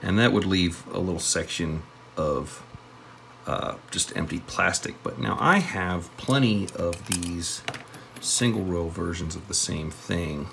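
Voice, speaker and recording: A man's voice: sits low, unhurried, creaky, fairly bright tone, slight background noise. A man casually talking through an electronics kit build at his workbench, thinking aloud with plenty of fillers. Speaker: electronics hobbyist host.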